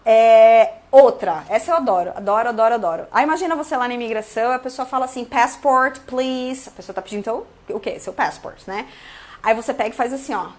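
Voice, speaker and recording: A Brazilian woman with a Brazilian Portuguese accent, an English teacher chatting through a live online lesson in a lively way and acting out little dialogues. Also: fairly high pitch, fast.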